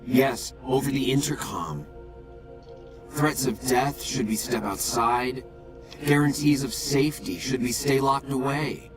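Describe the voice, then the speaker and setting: A man acts out a serene ghoul prophet from a video game, addressing his flock with devout gravity. His mid-pitched speech is measured and formal, with music playing clearly behind it. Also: natural voice, low-quality recording. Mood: solemn, grave. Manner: solemn, measured, formal preacher-like phrasing. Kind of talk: video game character dialogue.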